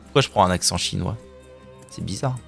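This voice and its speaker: A man's voice: low-pitched, a little fast, vocal fry, breathy edge, soft background music. A man streaming a card game live, narrating his plays with playful, crude trash talk and silly mouth sound effects. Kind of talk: live gameplay commentary.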